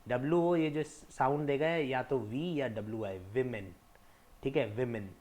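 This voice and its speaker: A young man teaching English pronunciation, stressing each word slowly and setting wrong forms against right ones. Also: mid-range voice, a little mellow. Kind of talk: explanatory lesson mixing Hindi and English.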